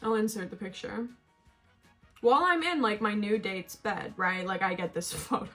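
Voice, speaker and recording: A woman's voice: medium pitch, moderate pace, fairly bright tone, faint music behind. A woman in her twenties chatting casually and candidly to viewers in a slangy, gossipy get-ready-with-me storytime. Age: 20s. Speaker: vlogger.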